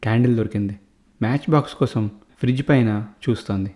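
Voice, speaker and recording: A man telling a horror story, voicing each character in turn and getting higher and louder when they are frightened. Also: quick pace, heavy background noise.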